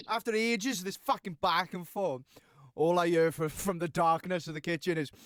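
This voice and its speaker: A man's voice: high voice, normal speed, fairly bright tone, a little hiss or hum. A young man animatedly retelling a night out in casual podcast chat, swearing and acting out what people said. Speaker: podcast co-host. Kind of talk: casual storytelling.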